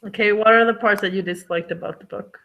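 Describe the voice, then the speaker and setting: A woman's voice: mid-range voice, fairly even intonation, quick pace, phone-quality sound, slight background noise. A woman hosting a live online book discussion, chatting casually and rambling with lots of "like.". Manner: chatty, rambling, says "like" a lot. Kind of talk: casual chat.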